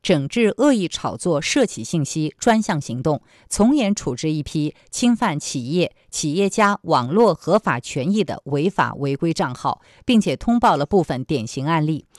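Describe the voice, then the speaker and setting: A woman's voice: deep voice, sing-song, normal speed, few pauses, a little mellow, no room sound, studio quality. A woman working as a radio presenter, reading scripted news and commentary.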